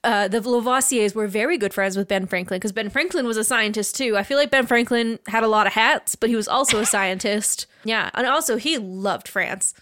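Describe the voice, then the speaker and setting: A woman's voice: on the high side, a little fast, hardly any pauses, fairly bright tone. A woman hosting a podcast, telling science history in a loose, chatty way with fillers. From United States. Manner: chatty, laughs often, loose storytelling. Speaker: podcast host. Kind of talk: casual podcast chat about science history.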